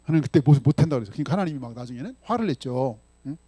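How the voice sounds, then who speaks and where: A male pastor preaching in a chatty way. He acts out dialogue and leads slow unison scripture readings. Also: mid-range voice, expressive, dark tone, breathy edge, no echo. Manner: often ends phrases with a questioning "응?" or "예?". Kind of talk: sermon.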